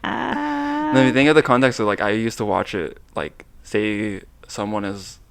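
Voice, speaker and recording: Gravelly-voiced young man chatting playfully. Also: fairly low pitch, very animated, no echo. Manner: playful, teasing, drawn-out repetition. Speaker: co-host. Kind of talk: casual chat.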